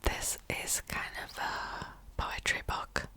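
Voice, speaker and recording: This slow, whispering woman comes from the Czech Republic and speaks Czech as her first language. As an ASMR creator closing out a whispered reading, she rambles softly in an unvoiced whisper, letting out little laughs.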